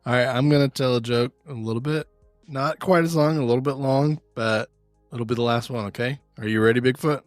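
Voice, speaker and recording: A man's voice: medium pitch, fairly even intonation, a little fast, no room sound, faint music behind. Man patiently telling a story joke. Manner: patient, explains things simply.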